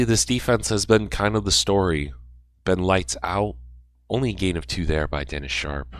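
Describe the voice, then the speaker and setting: Young male gamer, low voice, dry close mic, calls plays like a sportscaster and rambles. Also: no echo. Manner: excited sportscaster-style calls, rambling asides. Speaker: gaming YouTuber. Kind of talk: play-by-play commentary over a video game.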